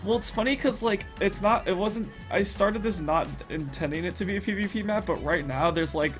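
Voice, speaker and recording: A man's voice: sits high, brisk, fairly bright tone. A man streaming casually, rambling and thinking aloud as he works, laughing often. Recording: music playing behind.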